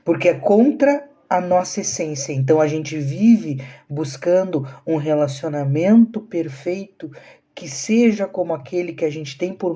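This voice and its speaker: Earnest rhetorical questions come from a southern Brazilian man in his 30s who runs a spiritual channel and talks to viewers on a live stream. His voice is on the high side, with a dark tone.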